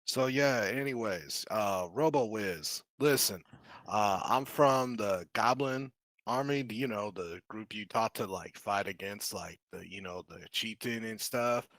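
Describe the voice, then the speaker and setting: A man's voice: lowish voice, a little slow, a bit bright, no room sound. A man voicing a brash young male goblin sorcerer who talks in swaggering, profane street slang during a tabletop game. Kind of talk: tabletop role-play in character.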